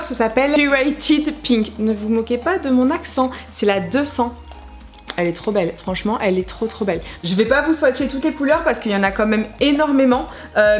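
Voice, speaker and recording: A woman's voice: a little high, lively intonation, fairly quick, soft background music. A woman in her thirties chatting casually and enthusiastically as she unboxes beauty products, gushing over each one. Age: 30s. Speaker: beauty vlogger. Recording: echoey room, faint noise.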